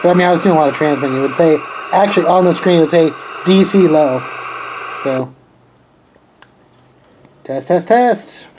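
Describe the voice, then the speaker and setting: At a moderate pace broken by long pauses, a man with a fairly high voice thinks aloud casually over noise. He hosts electronics and radio unboxing videos and is chatting through a hands-on demonstration at a cluttered desk indoors, captured on a noisy home camera with clear background noise.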